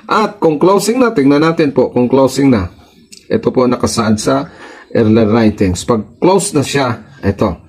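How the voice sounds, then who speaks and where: A man's voice: mid-range voice, expressive, measured pace, darkish tone, breathy edge, low-quality recording. A man with a Filipino accent, a pastor preaching a sermon. He reads passages aloud in English, then explains them in Tagalog, repeating his points with emphasis.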